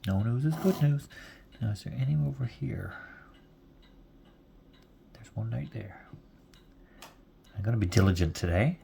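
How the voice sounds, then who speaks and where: Warm, gravelly and lowish, the voice belongs to a man in his forties who speaks a little slowly and pauses often, with slight background noise. As a knitting vlogger, he chats casually while knitting, rambling and chuckling often.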